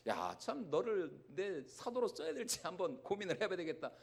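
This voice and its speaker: Exasperated scolding man, as a pastor acts him, incredulous, swinging pitch. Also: very animated, normal speed, husky, exaggerated voice.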